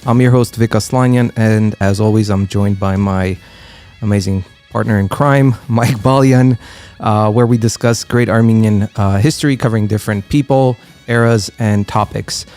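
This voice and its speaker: A man's voice: fairly low pitch, steady tone, normal speed, a little mellow, soft background music. A man hosting a podcast, introducing his guest in a friendly, casual way with frequent fillers. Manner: friendly, filler-heavy interviewing. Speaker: podcast host.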